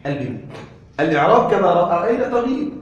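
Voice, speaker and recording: A man's voice: high-pitched, sing-song, lo-fi sound. Echoey male teacher quizzing his class. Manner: checks understanding with frequent questions to the class; repeats key terms slowly for emphasis. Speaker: Arabic grammar teacher. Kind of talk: classroom lesson. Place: classroom with students. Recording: echoey room, voice from a distance.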